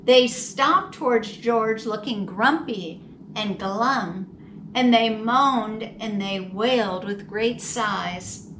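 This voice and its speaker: Bright, unhurried woman reading a children's story. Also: a little high. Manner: expressive, dramatic storytelling for young children. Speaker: library storytime reader. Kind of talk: children's picture book read-aloud. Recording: roomy, distant mic with faint noise.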